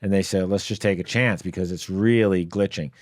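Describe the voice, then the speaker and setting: A man's voice: low-pitched, fairly even intonation, brisk, dry recording, clean studio sound. A man, a guest comedian, telling rambling anecdotes in casual podcast chat, with many fillers and laughs. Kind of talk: casual storytelling. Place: podcast studio.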